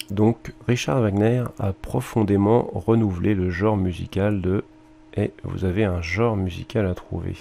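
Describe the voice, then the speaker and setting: In a screen-recorded lesson walkthrough, a male music teacher with a French accent guides students through a research worksheet, thinking aloud with fillers and mild exclamations. His voice sits low, with vocal fry and a darkish tone.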